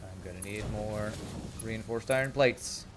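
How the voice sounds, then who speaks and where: In an unhurried, lowish voice, a gaming channel host muses through his gameplay while the background stays noisy. His slight Texas twang comes from being raised there from age nine after starting out in California, and he tends to think aloud with mumbled asides.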